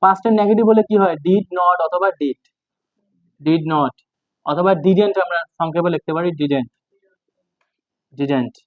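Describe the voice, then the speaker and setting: A man runs a casual English lesson, repeating each phrase and quizzing his listeners as he goes. His voice sits high, and the English examples come slow and spelled out. The sound is tinny and dry, close and narrow like a phone line. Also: dry recording. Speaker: English teacher.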